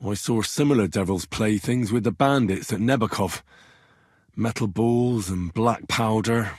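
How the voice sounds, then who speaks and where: A man with a fairly low, slightly breathy voice performs video game dialogue in clean studio sound with no room echo. Speaking at a measured pace, he plays a young, plain-spoken medieval adventurer who comes across as earnest, blunt, wry, conversational and easily exasperated.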